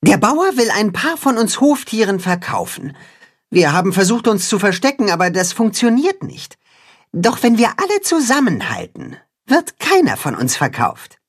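A man voicing a clever cat-hen who leads the farm animals, giving orders in a brisk, raised voice in a storybook reading. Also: high-pitched, huge pitch swings, breathy edge, pitched above the performer's own voice, full character voice. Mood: earnest. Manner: brisk, commanding. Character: clever cat-hen, bossy little leader.

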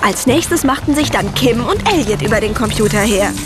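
A woman's voice: fairly high pitch, lively intonation, moderate pace, close to an everyday voice. An actress voicing a teenage girl who narrates her own story in a wry manner. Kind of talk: dubbed series narration. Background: music.

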